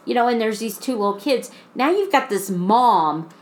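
A woman co-hosting a podcast, telling a creepy story in casual chat with drawn-out, restarting phrases. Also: a little high, lively intonation. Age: adult mother. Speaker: podcast co-host.

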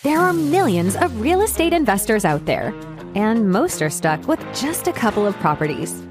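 A woman's voice: mid-range voice, very animated, normal speed. A woman announcer reading a scripted show intro with punchy promotional delivery. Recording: voice over music. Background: music.

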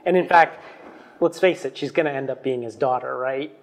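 A man's voice: medium pitch, normal speed. A man in a casual fan discussion, giving firm opinions and steering the conversation back on track. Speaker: panelist.

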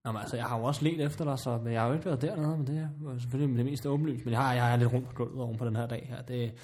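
A man's voice: mid-range voice, steady tone, darkish tone, lightly acted. A man playing a flustered, exasperated bar worker who rambles, stammers and repeats himself in a comic drama. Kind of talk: comic role-play drama.

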